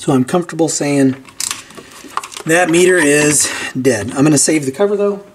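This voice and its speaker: In a slightly high voice at a moderate pace, a repair channel host talks through a hands-on job, informally thinking out loud as he goes. The recording, made indoors at a cluttered workbench, has steady clear background noise and clicks.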